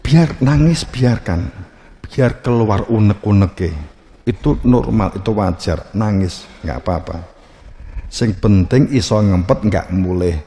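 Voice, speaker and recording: A man's voice: fairly low pitch, slow, warm tone, in a large hall. A man with a Javanese accent giving a religious study lecture. He talks without hurry, jokes, and acts out little scenes. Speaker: religious teacher.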